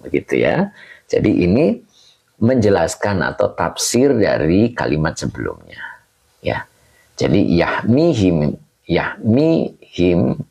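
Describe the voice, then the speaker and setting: A man teaching as a religious teacher, reading a classical text slowly, patiently repeating each term and asking his listeners questions. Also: sits low, vocal fry, darkish tone, husky. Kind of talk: slow kitab reading and grammar lesson.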